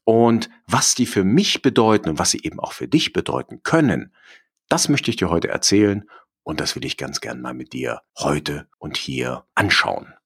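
A German man with a very low, deep voice hosts a solo podcast from his study at home. He talks in a reflective, personal way and often pauses on filler sounds as he thinks. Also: big pitch swings, husky. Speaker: podcast host.

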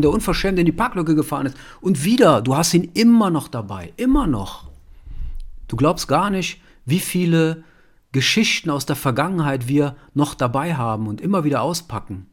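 A man with a slightly raised voice talks straight to the listener in a self-help talk. He keeps it conversational, asking rhetorical questions and checking in with a quick "ja?" as he goes. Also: on the high side. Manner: conversational, asks rhetorical questions, tags sentences with "ja?".

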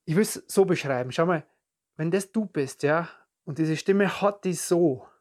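Calm self-help podcast coach. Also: mid-range voice, measured pace. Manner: calm, searching for words, repeats phrases. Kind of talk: reflective self-help talk addressed to the listener. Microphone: podcast and video recording.

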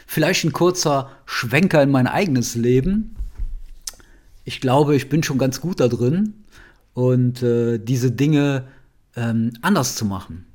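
A man hosting his own podcast as a nonviolent communication trainer, speaking in an earnest, heartfelt monologue that often ends with a soft questioning "ja?". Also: medium pitch, animated, slow pace.

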